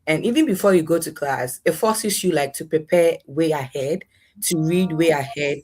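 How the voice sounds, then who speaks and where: Speaking from a room at home in an online interview, a young adult woman with a Ghanaian accent answers conversationally as a guest. Her voice is low and a little mellow.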